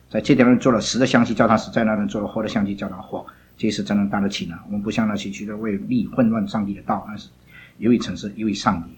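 A man's voice: mid-range voice, poor audio. A man teaching a Bible class, scolding students and drilling them with pointed questions.

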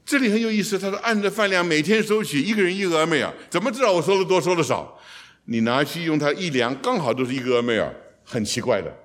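A man giving an expository Bible teaching in a lively way, putting rhetorical questions to his listeners and dropping in English phrases. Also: fairly high pitch, quick pace.

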